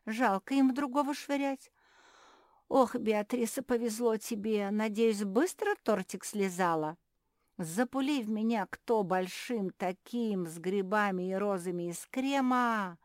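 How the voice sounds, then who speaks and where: A woman's voice: mid-range voice, a little slow, no echo, studio quality, voice pushed up, natural voice. A woman voicing a cheerful female dog seamstress who chatters eagerly about sweets in a storybook. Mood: chatty.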